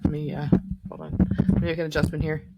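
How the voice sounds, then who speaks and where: A woman's voice: low-pitched, completely flat delivery, quick pace, vocal fry, very noisy. A woman co-hosting a podcast in casual chat, telling her own story bluntly, her voice hollow and tinny as if she were inside a tin can because her mic is too far away. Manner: frank storyteller who quotes herself bluntly. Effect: tinny, hollow sound as if inside a tin can, mic too far away. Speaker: podcast co-host.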